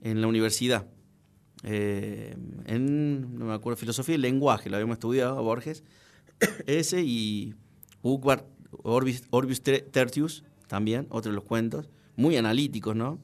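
A man's voice: medium pitch, normal speed. A man, talking casually on a radio show, hesitant and full of restarts, reciting poetry with feeling.

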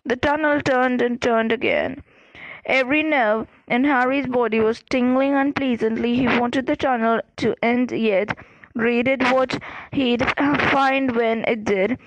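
High-voiced woman reading slowly. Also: no room sound, low-quality recording. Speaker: audiobook reader. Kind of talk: fiction read aloud.

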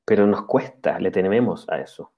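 A man giving a calm, reflective spiritual talk, often checking in with a questioning "ya" and pausing on "eh". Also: sits low, husky. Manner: calm, explanatory, pauses with "eh". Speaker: spiritual speaker. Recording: dull lo-fi recording.

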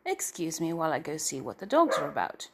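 Over heavy background noise, a middle-aged woman speaks low and brisk, her pitch swooping wildly, her voice nasal and stuffy. A writer and narrator, she rambles through a self-deprecating personal update that drifts off into filler words.

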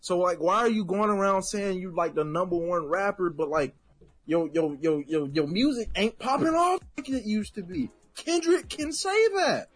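Blunt ranting young man, husky. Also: sits high, animated, moderate pace, no room sound, faint music behind. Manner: blunt, ranting, repeats himself for emphasis. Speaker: podcast co-host. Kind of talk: casual opinionated chat.

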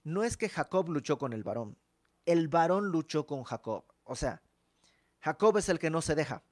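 A man delivers an animated sermon, breaking into asides as he teaches. His voice sits a little high for a man. The sound is dry and close, with no room around it. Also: moderate pace, no echo. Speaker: preacher.

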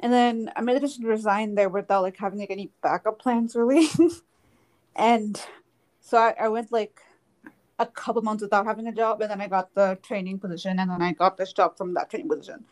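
A young woman co-hosting a podcast in casual chat, talking quickly with lots of fillers and frequent giggles. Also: medium pitch, steady tone, a little mellow. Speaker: podcast co-host.

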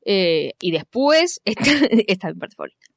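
A young woman with an Argentine accent, recapping a film in casual chat, telling it in an animated way and acting out the quotes. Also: medium pitch, normal speed, vocal fry, no echo, clean studio sound. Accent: Argentine Spanish. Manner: animated storytelling, acts out quotes, swears casually.

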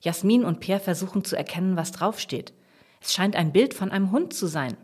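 A woman narrating a children's story aloud in an expressive storytelling manner. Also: on the low side, fairly quick, breathy edge.

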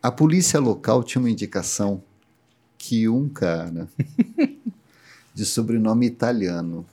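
A middle-aged Brazilian man with a Brazilian Portuguese accent is a guest on a casual podcast chat, telling a story as an animated narrator who laughs often. His voice is on the low side and unhurried.

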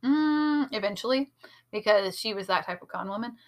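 With an expressive, medium-pitched voice and an even pace, this woman co-hosts a podcast where she casually dissects a TV episode. Her analysis is conversational and full of fillers such as "um" and "like".

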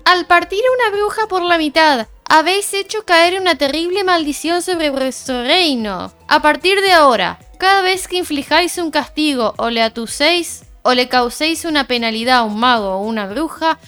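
A woman's voice: sits high, expressive, moderate pace, hardly any pauses, fairly bright tone, soft background music. A woman putting on a solemn vengeful witch voice. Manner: formal, solemn, old-fashioned pronouncements. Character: vengeful witch's voice booming from a tree stump. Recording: from far off the mic.

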